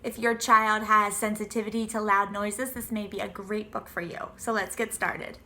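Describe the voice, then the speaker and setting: Woman in her 30s, book reviewer and host, clear bright tone, earnest and explanatory. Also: medium pitch, flat delivery, moderate pace, faint music behind. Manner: earnest, explanatory, occasional ums. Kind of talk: prepared book review to camera.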